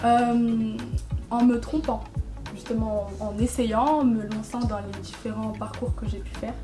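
A woman in her twenties from French Guiana and Brazil, a guest explaining her path in earnest, seated in a bright room. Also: on the high side, flat delivery, measured pace, over music. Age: 20s. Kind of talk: casual interview chat.

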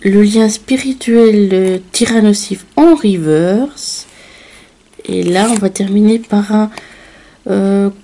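A woman with a slightly hoarse voice, casually narrating as she opens a box of trading cards, with frequent filler words and small laughs. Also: medium pitch, takes it slowly, warm tone. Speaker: card unboxing vlogger. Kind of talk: casual unboxing commentary.

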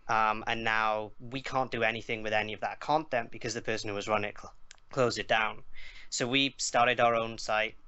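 A man's voice: on the low side, steady tone, moderate pace, bright, forceful tone, clear, resonant tone, highs cut off. A man from Wales with a Welsh accent, a podcast guest chatting casually about games, with frequent ums and likes.

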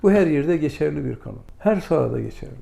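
A man's voice: on the high side, lively intonation, fast, vocal fry, dark tone. An older man giving a religious lesson, telling stories and acting out dialogue with emphatic exclamations. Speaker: religious lecturer.

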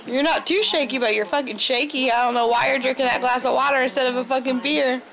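A woman's voice: sits high, fairly even intonation, fast talker, vocal fry, fairly bright tone, rough recording. A woman teasing her friends, swearing and laughing often while filming on a phone at home. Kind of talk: casual chat among friends. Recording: phone recording, chatter around.

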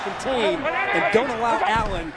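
A man's voice: very high-pitched, sing-song, measured pace. Man analysing football over crowd roar. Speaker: color analyst. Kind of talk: American football analysis commentary. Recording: loud stadium crowd noise behind.

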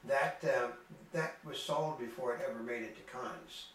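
An older man reporting on a film festival in casual chat, rambling and halting with many restarts. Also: medium pitch, a bit bright. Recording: echoey room from far off, faint ambience.

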